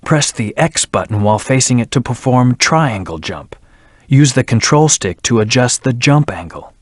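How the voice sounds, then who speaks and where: A man voicing a brooding, arrogant hedgehog antihero in a video game, with a haughty, clipped, deliberate delivery. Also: medium pitch, expressive, dry recording, studio quality, lightly acted. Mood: cool, instructional.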